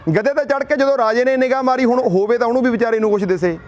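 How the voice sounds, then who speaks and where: High-pitched man from Punjab rallying a crowd. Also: rapid-fire. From Punjab, India. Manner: rhetorical questions and folksy storytelling. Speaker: speaker at a protest sit-in. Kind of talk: impassioned public speech. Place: outdoor protest gathering.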